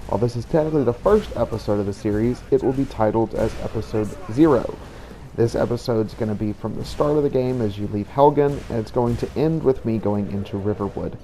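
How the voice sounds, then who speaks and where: With a warm, mid-range voice and a slightly quick pace, a man introduces a gameplay session for his gaming channel in a casual, explanatory way. He hesitates somewhat, and the recording is rough with noticeable background noise.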